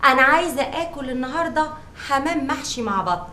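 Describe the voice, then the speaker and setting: A woman's voice: animated, quick pace, bright, forceful tone. An actress playing a bossy woman who barks orders at the servants, with an Egyptian accent. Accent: Egyptian Arabic. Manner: shrill, barking orders. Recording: roomy echoey set.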